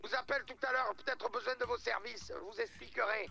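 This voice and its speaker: A man's voice: very high-pitched, steady tone, creaky, crowd noise, exaggerated voice. A man voicing a rude, irritable older man with a mocked accent who snaps over the phone. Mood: grumpy. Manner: irritable, shouting, quick to take offence. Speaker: roleplay game player on a phone call.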